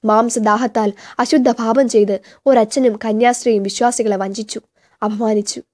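Woman narrator, mellow voice, slightly high pitch, steady measured novel reading.

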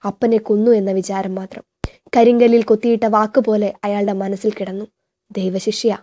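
A woman reading a novel aloud in a steady, measured narration. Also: mid-range voice.

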